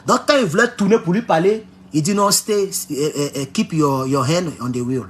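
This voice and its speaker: Speaking at a normal pace in a voice on the high side, this Ivorian political vlogger casually recounts a personal story in an Ivorian French accent. His tone is emphatic and cautionary, with English phrases mixed in, and a little hiss or hum is audible.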